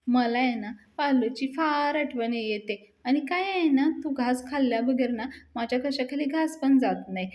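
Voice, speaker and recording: A woman's voice: sits high, lively intonation, normal speed, hardly any pauses, a little mellow. A woman doing a sweet, lovesick young woman. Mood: doting.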